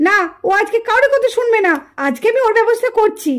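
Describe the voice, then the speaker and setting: A woman's voice: extremely high pitch, expressive, fast talker. A woman voicing a strict, angry mother in a puppet cartoon who scolds and threatens her daughter. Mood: angry, threatening.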